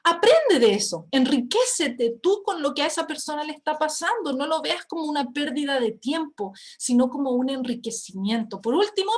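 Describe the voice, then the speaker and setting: A middle-aged woman, giving a talk to parents on family communication and acting out little dialogues. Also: sits high. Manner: acts out family dialogues in lively quoted voices.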